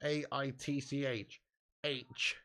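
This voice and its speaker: A young Englishman speaks slowly in a sharp, mid-range voice with little pitch movement while running a live football watch-along. Full of cheeky banter, he reads comments from viewers and frequently laughs.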